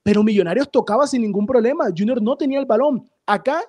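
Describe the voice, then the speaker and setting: A man giving sports radio commentary, explaining a match calmly and addressing the listeners directly. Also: very high-pitched, fast, no echo, clean studio sound.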